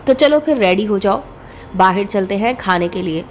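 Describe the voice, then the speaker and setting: A woman's voice: mid-range voice, expressive, normal speed, slight background noise, natural voice. A woman voicing a playful, affectionate young husband in a read-aloud story. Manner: fond, playful.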